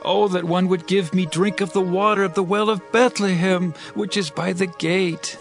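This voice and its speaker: Aging poet-king for scripture drama. Slightly high register, reverent and grave declamation, music underneath. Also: steady tone, normal speed. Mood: longing. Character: King David, aging psalmist king, solemn and devout.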